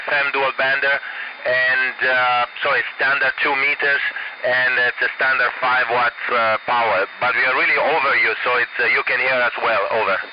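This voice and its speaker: A man speaks over a walkie-talkie-style ham radio link, his voice dulled and narrowed by the transmission. Heavy hiss and static sit under every word. He answers in a halting way, full of fillers, and closes each turn with "over.". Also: medium pitch.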